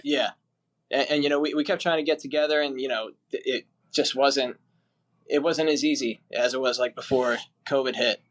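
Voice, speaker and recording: A man's voice: medium pitch, steady tone, normal speed, a bit bright. Laid-back young guy from philly area, musician on a podcast, rambly chat. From Philadelphia area. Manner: rambling, easygoing, lots of fillers. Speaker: musician guest. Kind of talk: casual interview.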